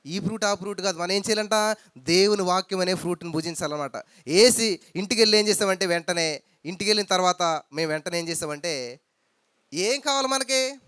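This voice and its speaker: Guy preaching a sermon, keeps calling hallelujah, sharp clear voice. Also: sits high, no room sound, studio quality. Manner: emphatic preaching with hallelujah calls and questions to the crowd. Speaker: pastor. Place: church hall.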